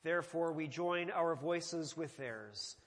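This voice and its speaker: A man presiding at a church liturgy, reciting prayers in a slow, measured way, with a long cathedral echo around his voice. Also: a little high, a bit bright. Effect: cathedral echo, long church reverb. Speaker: presiding minister. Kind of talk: leading a eucharistic liturgy. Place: large church sanctuary. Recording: long reverb of a large church.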